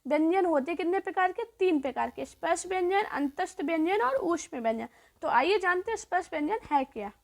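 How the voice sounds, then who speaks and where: High-voiced woman teaching a grammar lesson. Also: expressive. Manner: repeats points, asks and answers her own questions; draws out sounds slowly.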